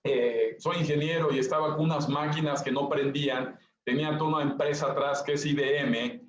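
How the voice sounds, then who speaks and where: A man's voice: fairly high pitch, steady tone, a little fast. A male pastor preaching a sermon, stressing points through repetition and speaking straight to his listeners. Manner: emphatic repetition, addresses listeners directly. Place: church hall. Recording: echoey, dull lo-fi church recording.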